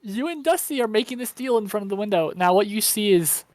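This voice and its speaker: A woman game master narrating a tabletop game in a halting, amused way. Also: medium pitch, lively intonation, darkish tone, no echo. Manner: halting, amused, full of ums.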